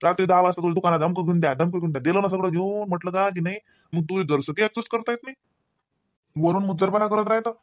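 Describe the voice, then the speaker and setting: Guy doing a cranky cartoon husband, rapid-fire lecturing, dry studio. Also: high-pitched, dry recording, natural voice. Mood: angry. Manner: nagging, lecturing, rapid scolding. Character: scolding husband Ravi, grown man, short-tempered. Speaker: voice actor. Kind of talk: cartoon voice acting.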